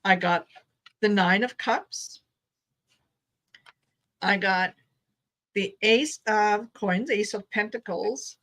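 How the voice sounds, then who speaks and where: Female host, unhurried chatty delivery, tarot reading show. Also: medium pitch, fairly bright tone. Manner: slow, chatty, acts out quoted voices. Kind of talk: casual chat reading tarot cards.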